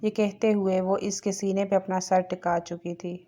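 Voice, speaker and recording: A woman narrating a romantic audio novel in a calm, steady storytelling voice. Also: mid-range voice.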